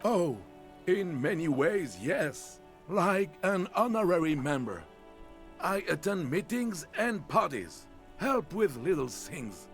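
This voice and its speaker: A man's voice: fairly high pitch, big pitch swings, slow pace, soft background music, full character voice. An actor playing a polite, wordy male union ghostwriter in a video game, explaining things with easy courtesy. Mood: friendly.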